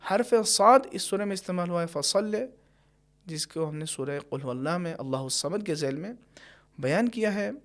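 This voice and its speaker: A man's voice: on the high side, animated. Patient man teaching Quran pronunciation. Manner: patient, explains carefully, stretches words when demonstrating. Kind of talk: tajweed lesson with slow recited examples.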